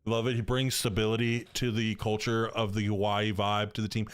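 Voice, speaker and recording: A man's voice: fairly low pitch, little pitch movement, moderate pace, smooth. A man in his thirties streaming a football video game, talking in a loose, slangy way with lots of fillers. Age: 30s. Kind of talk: casual live-stream chat.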